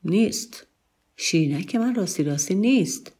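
A woman's voice: on the low side, expressive, mellow, husky, voice pushed up. A woman voicing a bewildered middle-aged man who anxiously mutters under his breath while searching for his wife.

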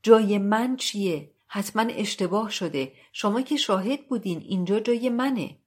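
A woman voicing a flustered, fussy middle-aged male train traveler, polite at first and quick to take offense. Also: medium pitch, expressive, a little mellow, slightly rough. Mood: indignant.

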